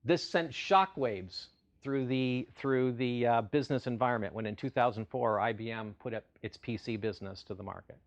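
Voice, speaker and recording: A man's voice: mid-range voice, normal speed. Dull-sounding man, polished corporate enthusiasm. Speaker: CEO keynote speaker. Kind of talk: corporate keynote presentation.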